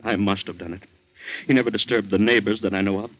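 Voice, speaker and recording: A frightened, pleading husband with a lowish voice. He talks nervously and urgently, as in 1940s radio acting. It comes through dull, muffled old AM radio. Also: fairly even intonation, fast, dry recording. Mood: anxious. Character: anxious, frightened married man. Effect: old AM radio broadcast sound.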